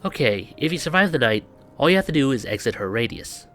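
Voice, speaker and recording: Talking fast and very animated, a video host with a medium-pitched, fairly bright voice runs through a scripted explainer with banter. Wry sarcasm and exasperated asides fill his delivery, and music plays behind him.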